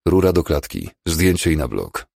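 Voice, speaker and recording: Narrator's take on a calm, curt ER doctor. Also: male voice, very deep voice, creaky, husky, no room sound, clean studio sound, exaggerated voice. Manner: calm, firm and brisk.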